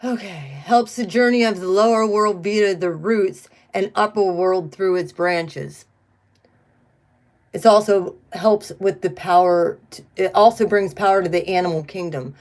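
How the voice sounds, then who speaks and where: A middle-aged woman talks through a spiritual card reading in a loose, chatty way. Her voice sits at an ordinary middle pitch, and she turns blunt and salty whenever she gets fired up. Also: measured pace, a little mellow. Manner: chatty, blunt, swears when riled. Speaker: tarot card reader.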